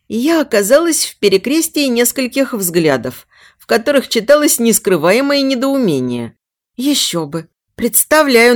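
A woman reads a first-person novel aloud, her pitch rising and falling a great deal as she tells it. Her tone is expressive and often glum, a storyteller living the heroine's woes. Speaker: audiobook narrator. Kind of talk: first-person fiction narration.

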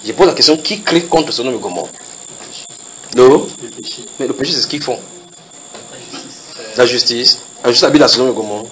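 A man's voice: mid-range voice, normal speed, pauses often, fairly bright tone, a little hiss or hum, low-quality recording. A man preaching at a house church Bible study, reading verses and putting questions to his listeners, repeating phrases for emphasis.

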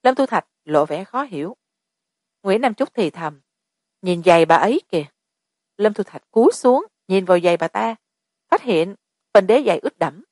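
A woman narrating a story in a steady storytelling delivery. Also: medium pitch, normal speed, dry recording, clean studio sound. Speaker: audiobook narrator.

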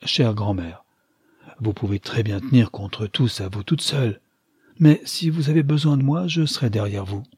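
A man voicing an eager young gentleman. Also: medium pitch, moderate pace, slightly rough, no room sound, studio quality. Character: earnest, well-bred young gentleman.

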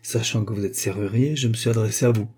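A man's voice: fairly low pitch, quick pace, mellow, slightly rough. A man reading an audiobook and voicing a polite, scheming middle-aged male manservant who speaks in a formal, composed way. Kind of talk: audiobook character voice.

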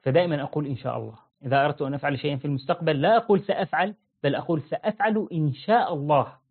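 Guy teaching a religion class, keeps asking the listeners questions, slows way down on the big points, fairly high voice, sounds like a phone line. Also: creaky, husky. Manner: quizzes listeners with repeated questions; slows down to stress key phrases. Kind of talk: interactive religious lesson. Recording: narrow phone-like audio.

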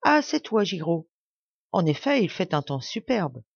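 A woman voicing a kind, pious old man in a storybook, speaking with fatherly warmth. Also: fairly low pitch, very animated, unhurried, gravelly, breathy edge, no echo, muffled recording, exaggerated voice.

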